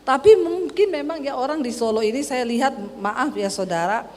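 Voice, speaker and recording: A woman from Sulawesi preaching a sermon as pastor, telling animated stories from her own marriage. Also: high-pitched, moderate pace. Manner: animated storytelling, acts out quarrels with her husband. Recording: long hall reverb.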